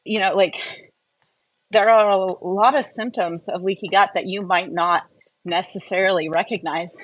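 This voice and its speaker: On a live wellness stream, a woman talks her online viewers through things informally and step by step, keeping it conversational. Her voice is medium-pitched and steady, her pace measured; there's no echo, but the audio quality is poor.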